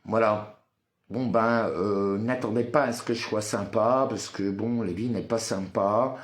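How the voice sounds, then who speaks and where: A man's voice: lowish voice, steady tone, measured pace, roomy sound. A man doing a live social media monologue who chants a repeated apology mantra, turns blunt and confrontational toward viewers, and hesitates with many fillers. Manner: hesitant with frequent "euh" fillers. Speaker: live streamer.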